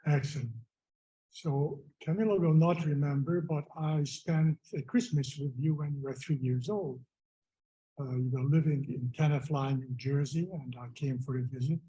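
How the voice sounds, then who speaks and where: Hungarian-accented guy, super mellow dark voice, lots of uh pauses, memorial talk into a mic. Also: on the high side, steady tone, poor audio. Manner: hesitant, frequent "uh" pauses. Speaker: relative giving remarks. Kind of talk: spoken memorial remarks. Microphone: microphone at a gathering.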